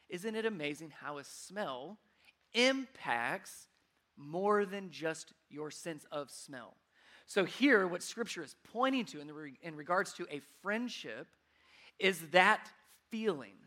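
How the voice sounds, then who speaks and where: A man in his thirties preaching a sermon, telling stories with animated swings in his voice. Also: high voice. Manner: animated storytelling, voice rising when worked up. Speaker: pastor.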